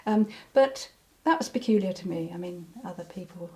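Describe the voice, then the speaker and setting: An older woman with a soft, mellow voice recalls her past in an unhurried interview. She hesitates often, restarts her sentences and fills the gaps with ums. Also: lowish voice, animated. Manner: hesitant, many ums and restarts, breaks into laughter. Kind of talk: reflective personal recollection.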